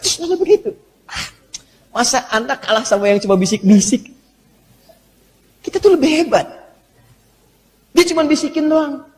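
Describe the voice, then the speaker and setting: A male preacher gives an Islamic sermon in an animated, humorous, teasing way. He is in a mosque hall. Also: high voice. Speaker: preacher, ustaz. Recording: long hall reverb.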